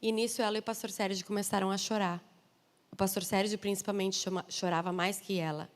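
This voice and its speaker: A woman missionary preacher with a Brazilian Portuguese accent, delivering a sermon with lively, humorous storytelling and emphatic asides. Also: mid-range voice, brisk. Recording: long reverb of a large hall.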